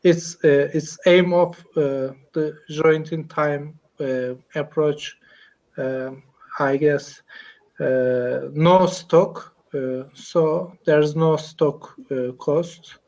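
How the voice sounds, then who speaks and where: On a video call for a casual online English lesson, a computer engineer from Turkey speaks slowly and haltingly with a Turkish accent, filling gaps with "uh" as he hunts for words. His somewhat high voice has fairly even intonation and a darkish tone. The call audio comes through dull and muffled.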